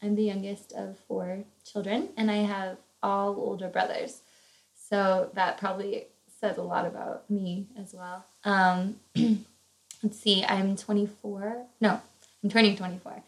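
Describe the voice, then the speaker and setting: A woman's voice: medium pitch, little pitch movement, unhurried, poor audio. Bubbly early-twenties woman, podcast cohost, chatty and giggly. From Northern Virginia, USA. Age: 20s. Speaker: podcast co-host. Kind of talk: casual chat.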